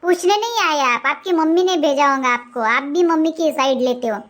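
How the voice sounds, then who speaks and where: A very high, squeaky cartoon daughter-in-law, as a woman plays her, young and sharp-tongued. She talks back with defiant retorts. The voice sits far above an ordinary woman's. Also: moderate pace.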